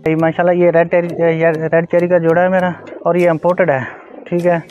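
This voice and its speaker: A pigeon farmer, a middle-aged man with a Pakistani accent, casually shows off his birds in a flat, fairly high voice, talking a little fast and repeating stock phrases. The audio is thin and phone-like, with faint music and cooing pigeons behind him.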